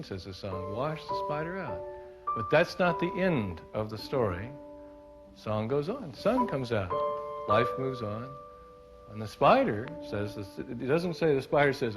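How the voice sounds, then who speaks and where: A man giving a live storytelling talk on stage, playful at times and reflective at others. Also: mid-range voice. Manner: playful, leads the audience in gestures and song; reflective, builds to earnest points. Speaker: storyteller and speaker. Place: stage before a live audience.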